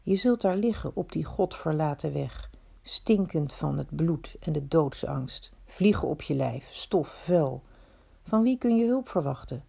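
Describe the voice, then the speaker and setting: A woman's voice: fairly low pitch, creaky, dark tone, husky. A woman telling a story in the first person, in a reflective, confiding way that often asks itself questions.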